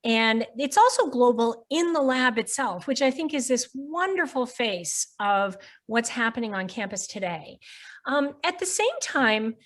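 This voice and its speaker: Woman, host, slightly high pitch, articulate, playful, Q&A. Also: expressive, measured pace. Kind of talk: hosting a live Q&A.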